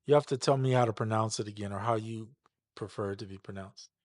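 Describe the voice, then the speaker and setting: Male streamer, casual and easygoing, talking through a mix on a dry close mic with a lowish voice. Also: fast talker, darkish tone, dry recording. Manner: easygoing, chatty, stumbles over names and repeats them. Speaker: music producer hosting a live stream. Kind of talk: casual chat while demonstrating a mix.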